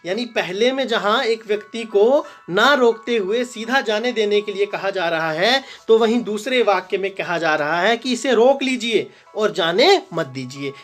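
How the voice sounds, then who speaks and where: A man's voice: high-pitched, a bit bright. A man teaching a grammar lesson, asking and answering his own questions and repeating the example sentences with emphasis.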